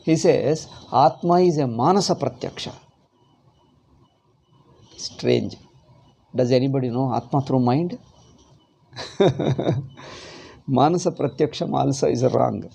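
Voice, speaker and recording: A man with a South Indian accent gives a Vedanta lecture on scripture, quoting Sanskrit and commenting on it. His medium-pitched voice is slow, creaky, dark and slightly rough, with frequent pauses. He explains emphatically, repeating himself and posing rhetorical questions.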